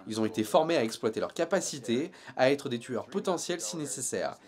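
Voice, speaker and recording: A man's voice: medium pitch, lively intonation, fairly quick, a little mellow. A man reviewing TV series in a casual video, joking and sarcastic at times, then settling into an earnest critique.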